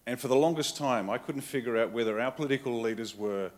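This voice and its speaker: At a conference, with a live audience in the hall, an Australian man gives a fast political keynote in a mid-range voice. He keeps it blunt and wry, in brief punchy phrases.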